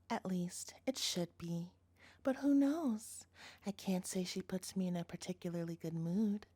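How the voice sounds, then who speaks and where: With a natural, medium-pitched voice and a dark tone, a woman voices an obsessive, doting captor girlfriend in a scripted audio roleplay. She talks right to the listener, cutesy on the surface but menacing, her mood quiet and threatening.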